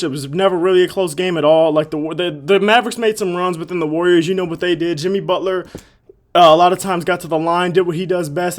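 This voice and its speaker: Fast-talking young man, winded sports chat. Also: high-pitched. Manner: energetic, slangy, opinionated. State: out of breath. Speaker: basketball commentator. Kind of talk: casual sports talk.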